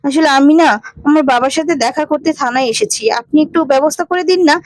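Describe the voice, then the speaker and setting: Serial recap figure: woman as a hurt young bride, pleading, high voice, dry close mic. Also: fast, dry recording, close to an everyday voice. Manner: pleading, anxious questions.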